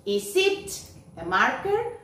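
A woman teaching English to young children in a recorded lesson, slowly modeling phrases. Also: extremely high pitch, huge pitch swings, fairly bright tone, recorded from a distance. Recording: echoey room, off-mic.

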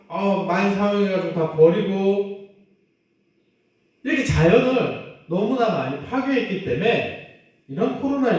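A man preaching as a pastor to children, animated, asking them questions and acting out quotes. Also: high voice. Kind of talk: children's sermon. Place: church hall. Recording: very echoey room, mic at a distance.

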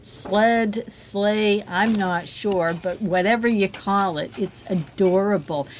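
Filming on a handheld phone camera inside a store, a woman narrates a shop-with-me vlog and gushes over the items she finds. Her medium-pitched voice is slow, with slight background noise.

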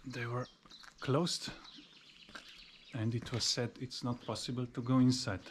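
A man's voice: medium pitch, a little slow, background noise. Man touring an abandoned mansion on camera. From former Yugoslavia. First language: Serbo-Croatian. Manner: explains calmly while exploring, slightly non-native phrasing. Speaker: travel vlogger. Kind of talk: casual walking tour commentary. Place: outdoors in a park, then inside an empty abandoned mansion. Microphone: action camera held at arm's length.

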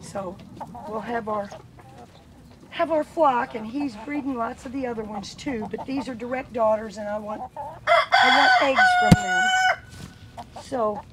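Hoarse high-voiced farm woman. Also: moderate pace. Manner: chatty, coos high at animals. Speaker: farm vlogger. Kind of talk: casual farm vlog narration. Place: outdoor farmyard. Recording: noisy outdoor farm, chickens clucking. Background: chickens and rooster.

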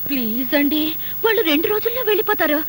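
A pleading young wife. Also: female voice, very high voice, big pitch swings, quick pace, a little hiss or hum. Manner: pleading, soft-spoken. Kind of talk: film dialogue. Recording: film soundtrack with music underneath.

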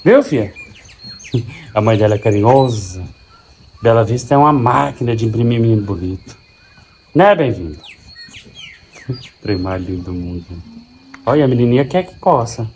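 A man's voice: on the low side, lively intonation, normal speed, pauses often, a little mellow, a little hiss or hum. A man, a dairy farmer chatting casually and fondly talking to his cows on a farm. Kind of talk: casual farm vlog narration. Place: outdoors on a cattle farm. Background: faint animal, bird and insect sounds.

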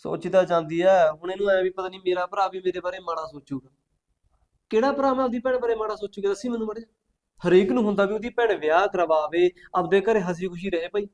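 A man's voice: high-pitched, a little mellow, close to an everyday voice. A young man playing a bossy elder brother who argues insistently and flares with anger, with faint music behind. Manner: insistent, argumentative, quick to anger. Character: bossy, hot-tempered village elder brother.

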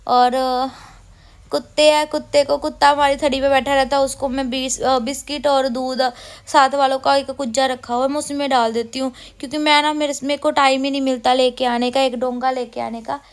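Here the same kind of scene plays out: a vlogger in her thirties from India rambles casually about her day while doing chores at home, often correcting herself. She speaks briskly in a high voice with a flat delivery.

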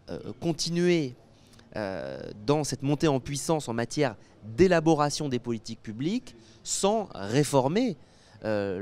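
On an indoor convention interview set, a French guest expert in geography, in his thirties, offers analytical replies through a handheld microphone. He is measured and hesitant, with many pauses and repeated words, and his medium-pitched voice is clear and resonant with a darkish tone.

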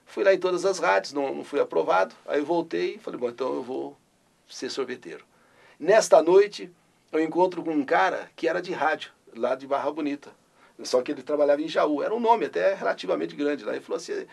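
Gravelly older Brazilian radio man. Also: on the high side. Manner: animated, bursts into his catchphrase. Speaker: radio host. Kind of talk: interview recollection.

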